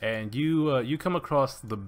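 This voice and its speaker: A man's voice: medium pitch, normal speed, noisy background. A young man narrating a tabletop game as game master, rambling with many fillers and restarts.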